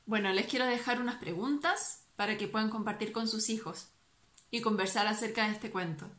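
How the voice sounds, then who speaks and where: A woman reading a children's story aloud in a lively, expressive way, then asking parents questions about it. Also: medium pitch, a little fast. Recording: echoey room.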